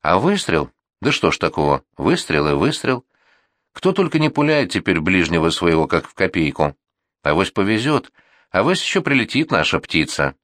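A rough, scornful gang commander snarls out his orders, as a male reader puts him on. The voice sits very low but leaps around in pitch, and the recording is dry and close. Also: big pitch swings, moderate pace, a bit bright, no echo. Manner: growling, scornful.

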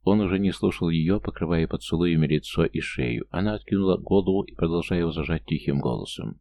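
A man reading a novel aloud as narrator in steady, measured storytelling. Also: low-pitched, no echo. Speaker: audiobook narrator. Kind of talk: scripted narration.

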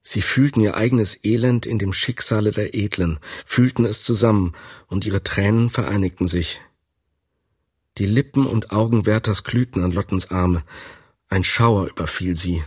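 A man narrating a classic novel for a radio reading, with an expressive, dramatic delivery. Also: fairly low pitch, moderate pace, husky. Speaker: audiobook narrator. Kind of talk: scripted literary narration.

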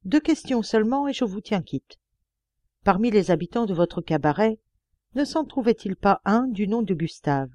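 A woman's voice: medium pitch, animated, moderate pace, warm tone, no room sound, natural voice. A woman voicing a young male policeman in an audiobook, coaxing and insistent in his questions. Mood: probing. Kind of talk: audiobook character reading.

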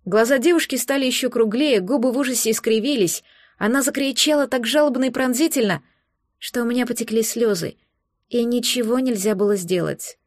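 A woman narrates a first-person audiobook in an expressive, emotional way. Her voice sits somewhat high. The recording is dry and close, with no room sound. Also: a little fast, no echo.

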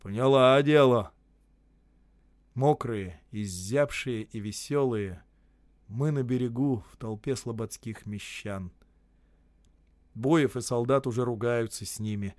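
A male narrator reads literary prose at a measured pace, with a dramatic storytelling lilt. His voice sits at a middle pitch. The recording is dry, with no room sound. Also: a little mellow, no room sound. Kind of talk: audiobook reading of literary prose.

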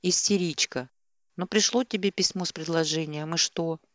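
Annoyed dismissive young guy, read by a woman in her own lowish voice, dry sound. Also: moderate pace, a bit bright, no echo, close to an everyday voice. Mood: exasperated. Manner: dismissive, exasperated. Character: sleepy irritated young man, dismissive.

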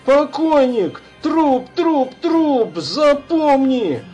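A man's voice: extremely high pitch, animated, extremely slow, darkish tone, soft background music, voice pushed up, full character voice. A man doing a furious young man screaming threats. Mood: enraged.

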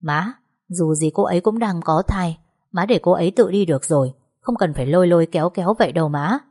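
A woman voicing a hot-tempered young husband, shouting in rage. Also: fairly low pitch, fast, slightly rough. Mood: pleading. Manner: shouting, raging.

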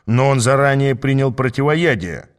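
A man voicing a cocky, scheming male demon who talks smoothly and haughtily in an audiobook. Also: medium pitch, expressive, normal speed, close to an everyday voice. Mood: persuasive. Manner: glib, persuasive, haughty. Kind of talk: audiobook character reading.

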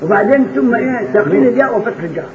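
A man with an Egyptian Arabic accent, teaching Quran recitation rules to students, drilling them with questions and chanting verses slowly between quick explanations. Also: extremely high pitch, animated, echoey room, a loud crowd. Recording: tinny phone-like recording with noise.

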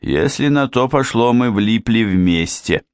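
A man voicing an irritable, blustering middle-aged father in an audiobook, speaking gruffly and snapping. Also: low-pitched, unhurried, no room sound, studio quality.

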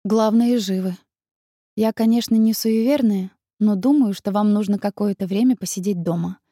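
A woman reading an audiobook, voicing a brisk, caring middle-aged mother. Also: mid-range voice, warm tone, no room sound, clean studio sound, close to an everyday voice. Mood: concerned.

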